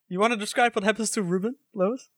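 A man's voice: high voice, steady tone, brisk, fairly bright tone, no room sound, studio quality. A man co-narrating a tabletop role-playing game in a casual style.

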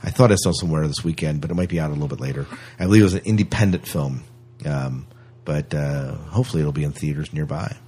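Talking fast in a darkish tone, this podcast co-host runs through the news with a very deep, husky voice. His casual, conversational delivery rambles a bit and includes hesitations.

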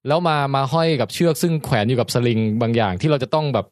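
A man co-hosting a podcast, telling a story about a trip in an animated, casual way. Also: medium pitch, very fast, dry recording, studio quality. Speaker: podcast co-host.

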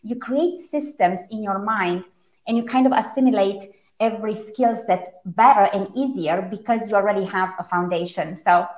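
An interview guest who works as a brand strategist talks with emphasis and clarity about her own projects. She is a native Romanian speaker from Romania with a noticeable accent, and her mid-range, darkish voice moves at a moderate pace in an echoey room.

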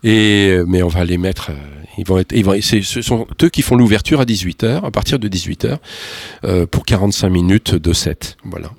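A man with a Parisian French accent giving an interview as an event organiser, speaking effusively in a halting, digressive way. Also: sits low, creaky, a little mellow, dry recording, clean studio sound. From Burgundy, France. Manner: effusive, digressive, halting delivery with repeated words. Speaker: concert organiser, interview guest. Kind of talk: conversational radio-style interview.

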